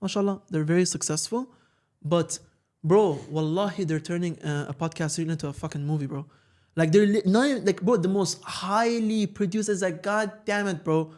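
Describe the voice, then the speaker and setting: A man's voice: sits high, normal speed, darkish tone. A man hosting a casual podcast conversation, talking in emphatic slang, repeating phrases for weight and swearing freely.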